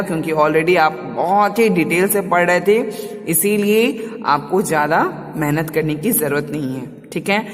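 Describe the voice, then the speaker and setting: Lady teacher doing a kids hindi lesson, sing-songy, lots of echo around her. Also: sits low. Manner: sing-song, coaxing, repeats words for kids to echo. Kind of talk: online Hindi lesson for small children.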